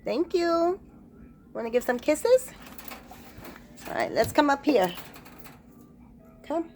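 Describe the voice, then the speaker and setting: A woman's voice: sits high, sing-song, slow, dark tone, slight background noise. A woman casually talking to her pet parrot, coaxing it in a sing-song voice and dropping in Spanish pet words. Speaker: pet bird owner.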